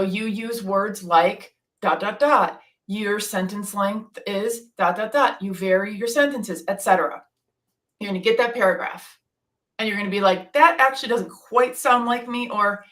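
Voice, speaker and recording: A woman's voice: medium pitch, a bit bright. Chatty woman explaining a how-to. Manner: enthusiastic, conversational, uses "like" and "right?" often. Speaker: panelist. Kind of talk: casual panel chat, explaining a method step by step.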